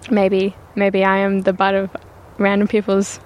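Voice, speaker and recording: A woman's voice: mid-range voice, completely flat delivery, measured pace, darkish tone, slight background noise. A woman from Perth with a Scottish accent, a writer guest in casual chat, hesitant and self-deprecating. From Perth, Australia.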